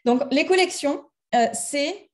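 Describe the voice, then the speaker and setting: French lady giving an animated talk, slightly high voice, mellow and relaxed tone, chats right at the audience. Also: takes it slowly. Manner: animated, acts out little scenes in different voices; chatty, addresses the audience directly. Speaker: speaker giving a talk on emotions. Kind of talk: lively live talk to an audience. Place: conference room with a live audience.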